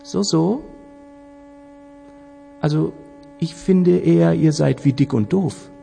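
A man's voice: fairly high pitch, takes it slowly, gravelly, mellow, slight background noise, pitched above the performer's own voice, heavily acted. A man voicing a sly, scheming male star who insinuates and goads, recorded with long hall reverb. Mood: mocking. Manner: wheedling, insinuating, rising to goading.

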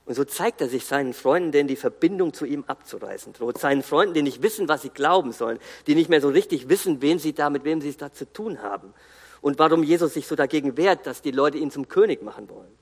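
A man giving an earnest, emphatic sermon, pausing and restarting as he speaks. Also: fairly high pitch, animated, husky, in a large hall. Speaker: guest preacher.

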